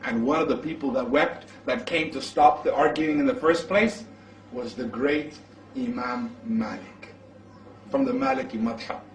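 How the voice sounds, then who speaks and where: A man's voice: fairly high pitch, expressive, a little slow. A man preaching, who tells a story with energy and acts out its dialogue. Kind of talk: sermon storytelling. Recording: echoey, from far off the mic.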